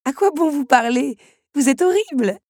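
A young heroine from a storybook reading, earnest and wistful, her voice raised above the narration, as a woman plays her. Husky tone, dry close recording. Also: fairly high pitch, measured pace, dark tone, no room sound, voice pushed up. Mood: uneasy.

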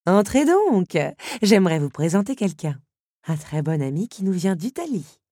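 A woman voicing a gracious, affectionate aristocratic countess in a storybook reading, speaking slowly and effusively. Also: medium pitch, sing-song, mellow, no room sound, clean studio sound.

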